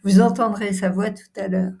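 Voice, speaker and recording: A woman's voice: medium pitch, fairly even intonation, normal speed, creaky, darkish tone. A woman with a French accent hosting her channel, narrating a workshop visit in a hesitant way, with many fillers and some whispered asides. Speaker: channel host.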